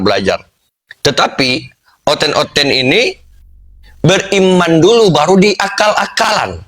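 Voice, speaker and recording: A man calmly explaining his view in a religious debate, addressing listeners. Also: fairly high pitch. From Indonesia. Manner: steady explaining, addresses audience.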